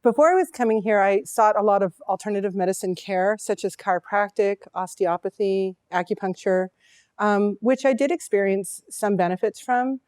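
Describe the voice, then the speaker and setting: A woman in her forties calmly listing her past health problems with short pauses. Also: mid-range voice, clean tone, no echo, clean studio sound. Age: 40s. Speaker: client giving a testimonial. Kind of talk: interview testimonial.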